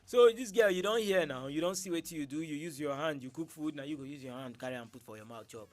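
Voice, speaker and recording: A man with a Nigerian accent speaking Nigerian Pidgin, hosting a casual radio chat and telling stories in an animated way, acting out what people said. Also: a little high, fast. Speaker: radio show host.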